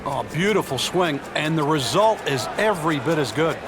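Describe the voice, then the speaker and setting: A man's voice: on the high side, animated, normal speed, heavy background noise. A man playing an admiring golf analyst in a video game, giving color commentary as co-commentator. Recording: very loud crowd ambience behind the voice.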